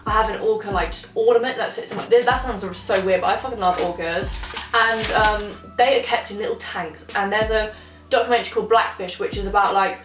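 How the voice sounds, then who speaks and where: A woman's voice: medium pitch, steady tone, fairly quick, fairly bright tone. Chatty, sweary young woman vlogger. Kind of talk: casual chat to camera. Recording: roomy sound, mic far off, faint music.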